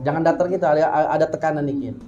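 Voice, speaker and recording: A woman with a fairly low voice leads a recitation lesson. She corrects each attempt and models the sounds again and again, patiently drilling the class. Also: quick pace, mellow, lo-fi sound. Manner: corrective, demonstrates sounds repeatedly. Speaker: Quran recitation teacher. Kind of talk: hands-on recitation coaching.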